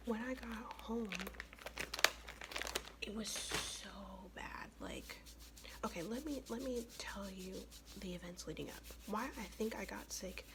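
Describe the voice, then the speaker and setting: A young woman from the United States whispering in a close, raspy ASMR voice, her throat worn from illness, telling a blunt, profane, chatty story. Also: fairly high pitch, unhurried, background noise. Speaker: ASMR vlogger.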